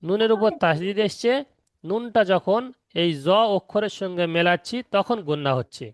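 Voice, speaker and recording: A man teaching Quran recitation rules in an online lesson, explaining slowly and patiently and repeating each step. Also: high-pitched, no echo, clean studio sound.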